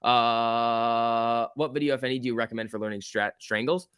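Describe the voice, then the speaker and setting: A man's voice: medium pitch, steady tone, normal speed, a bit bright, clean tone, no room sound, studio quality. A man hosting a live stock trading stream, chatting casually in slangy, chummy off-the-cuff commentary as he answers viewers. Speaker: stock trading livestream host.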